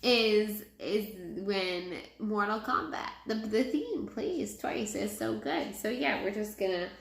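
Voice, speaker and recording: Woman, tipsy casual movie reviewer, mid-pitched, rambling and repetitive, echoey room sound. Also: lively intonation, slow pace. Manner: tipsy, rambling, repeating herself.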